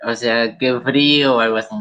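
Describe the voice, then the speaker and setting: A man's voice: mid-range voice, fairly even intonation, normal speed, pushed and bright, muffled recording. A male student from Pasto with a Pasto Colombian accent, answering hesitantly and repeating words on a video call.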